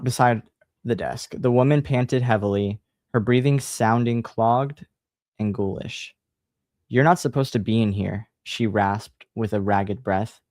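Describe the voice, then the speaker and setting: A man hosting a livestream, chatting casually and reading a horror book aloud in a relaxed, sighing manner. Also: lowish voice, no room sound, studio quality. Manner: relaxed, sighing, laid-back.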